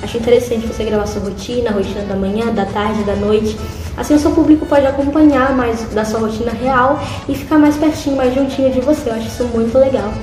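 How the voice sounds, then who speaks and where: A woman's voice: fairly high pitch, fairly even intonation, quick pace, a little mellow, echoey room, soft background music, low-quality recording. A woman in her twenties with a Brazilian Portuguese accent, a YouTuber guest talking in a friendly way and using lots of diminutives. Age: 20s. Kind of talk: casual podcast interview.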